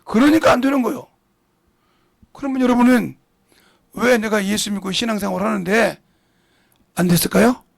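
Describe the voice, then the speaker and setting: A man preaching a sermon as pastor, blunt and scolding, with big swings between loud and quiet. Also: sits high, normal speed, long pauses. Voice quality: gravelly, husky voice. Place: church sanctuary.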